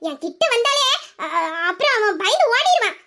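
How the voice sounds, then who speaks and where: A woman playing a playful, mischievous young wife in an audio drama, chatty and boastful, sometimes dropping to a hushed scheming tone. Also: very high-pitched, big pitch swings, normal speed, background noise. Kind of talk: Tamil audio drama acting.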